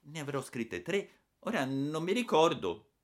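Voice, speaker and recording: Storybook role: a man doing a naughty little boy, whining high and thin. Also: very animated, unhurried. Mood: whiny. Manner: whining, cheeky. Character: mischievous whiny young boy.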